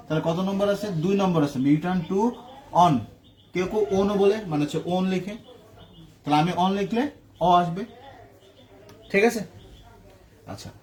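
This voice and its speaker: A man's voice: high voice, moderate pace, pauses often, darkish tone. A man teaching chemistry in a classroom lecture, asking questions and answering them himself. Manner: asks questions and answers them himself, checking "ঠিক আছে?".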